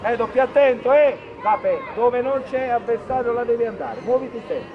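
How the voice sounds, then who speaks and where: High-voiced man shouting sideline coaching. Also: moderate pace. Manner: urgent, repetitive instructions. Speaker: youth football coach. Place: outdoor football pitch. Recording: muffled outdoor recording with crowd. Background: crowd noise.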